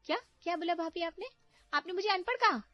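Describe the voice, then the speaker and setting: A woman's voice: very high-pitched, a little fast, no room sound. A woman playing a sarcastic young unmarried sister-in-law who mocks her brother's wife. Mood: taunting. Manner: sarcastic, mocking. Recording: dry, muffled, faint background music.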